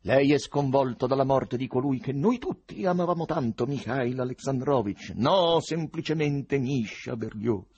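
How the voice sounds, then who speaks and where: A man's voice: medium pitch, lively intonation, moderate pace, hardly any pauses, a little mellow, breathy edge, muffled recording, voice pushed up. A man voicing a plump, pompous male official who soothes in a speech-making tone. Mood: pompous soothing.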